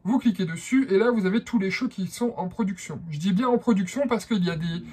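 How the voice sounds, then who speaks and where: A man's voice: high-pitched, fairly quick, warm tone, a little hiss or hum. A man from France with a French accent, explaining a how-to in a hesitant vlog style with many fillers. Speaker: vlogger.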